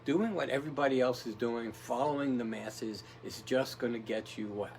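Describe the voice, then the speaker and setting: A man's voice: mid-range voice, moderate pace, creaky, a little mellow, slight background noise, low-quality recording. A man giving a casual motivational talk, rambling and tough-talking, often checking in with "right?". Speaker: motivational speaker.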